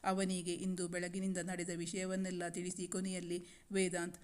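Woman reading a romance story, low voice, pretty flat, mellow, steady. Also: moderate pace, clean tone. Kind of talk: scripted narration.

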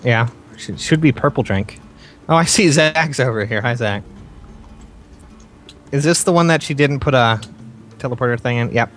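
A young man hosting a game session with friends, joking and swearing in loose, sing-song chat. His voice sits at an ordinary middle pitch. Faint music plays underneath. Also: normal speed, pauses often, a bit bright. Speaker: let's play host. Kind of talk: casual gaming chat.

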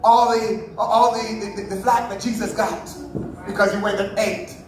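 Male preacher, very high voice, fervent sermon with shouted peaks, recorded far off in a booming church hall. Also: level tone, measured pace, slight background noise. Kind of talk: Sunday sermon. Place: church sanctuary. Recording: very echoey church hall, heard from afar.

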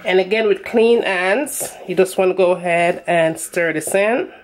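A woman's voice: on the low side, unhurried. A woman with a Jamaican accent narrating a recipe as a home cook, casually instructing viewers directly. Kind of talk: casual cooking tutorial narration.

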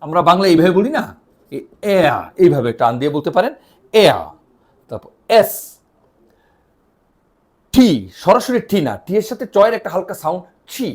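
A man teaching an online language lesson, spelling out letters one by one and drilling their sounds, often asking questions and answering them himself. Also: high-pitched. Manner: animated, spells letters out slowly with repeated drills.

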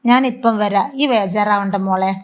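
Woman reading a meek old mother, pleading and soft, Malabar accent, storybook drama. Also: mid-range voice, normal speed, close to an everyday voice. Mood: gentle. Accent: Malabar Malayalam. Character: gentle, tearful elderly mother.

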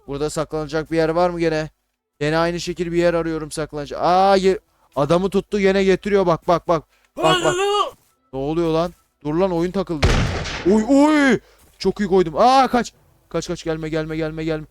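A man giving casual, excitable commentary on a battle game, swearing and shouting at the units he controls. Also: on the high side, a little hiss or hum. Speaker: gaming YouTuber. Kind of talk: casual Let's Play commentary.

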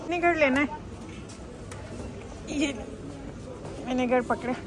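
A Pakistani vlogger films herself shopping in a large indoor supermarket on a handheld phone, chatting casually and exclaiming at the prices and food. Her voice is high and slow, with background noise and music laid over the recording.

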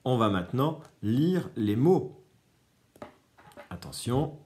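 A man's voice: mid-range voice, big pitch swings, slow pace, dark tone. A man teaching a reading lesson to young children, patiently stressing each key word.

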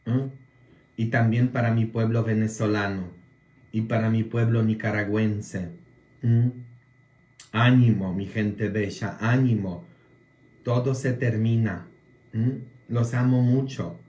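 Polish-born male priest, casual viewer talk, very slow, roomy echo, keeps tossing in "mm?" checks. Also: fairly low pitch, fairly even intonation, a little mellow. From Poland. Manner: slow, drawn-out delivery with frequent "mm?" tag questions.

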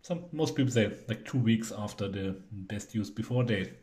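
A man's voice: on the low side, moderate pace, a little mellow, roomy sound, a little hiss or hum. A young man, chatting casually and hesitantly while trying food in a home cooking video. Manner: rambling, hesitant, joking. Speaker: cooking vlogger. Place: home kitchen.

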